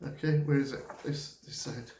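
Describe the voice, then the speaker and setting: A man's voice: medium pitch, steady tone, normal speed, darkish tone, a little hiss or hum. A male English teacher giving a lesson, patiently explaining reading aloud and checking in with "okay?" after nearly every point. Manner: acts out example lines with rising and falling tone. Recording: echoey room.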